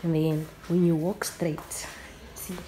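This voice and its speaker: A young woman from South Africa with a husky morning voice, chatting casually as she gives a room tour. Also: sits low, level tone, takes it slowly, background noise. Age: young adult. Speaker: YouTuber. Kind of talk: casual vlog.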